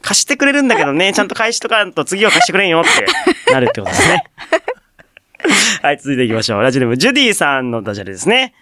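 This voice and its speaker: Lively fast-talking man hosting radio. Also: on the high side. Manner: chatty, laughs at his own jokes. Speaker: radio host. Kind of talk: casual radio chat reading listener puns. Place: radio studio.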